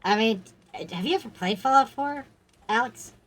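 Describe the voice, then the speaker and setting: A woman's voice: on the high side, animated, normal speed, a bit bright. A woman streaming a game, chatting casually with friends in a wry, offhand way. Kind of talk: casual gaming chat.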